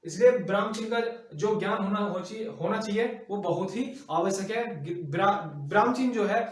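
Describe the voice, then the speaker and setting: A man teaching Hindi grammar for exam prep, explaining slowly and repeating example sentences with stretched emphasis. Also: high-pitched. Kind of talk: classroom lecture for exam prep. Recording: echoey room, voice from a distance.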